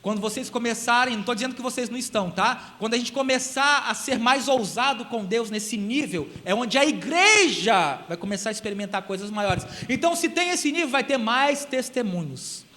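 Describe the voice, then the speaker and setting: High, bright-voiced Brazilian man preaching. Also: brisk, few pauses, in a large hall. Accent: Brazilian Portuguese. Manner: emphatic and animated, swings from shouting to quiet asides. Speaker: guest preacher. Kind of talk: sermon. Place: large church hall.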